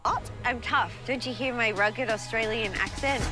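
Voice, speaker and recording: An actress playing a teasing, wry character in a comedy series, delivering scripted dialogue. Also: female voice, on the high side, moderate pace, close to an everyday voice. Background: music.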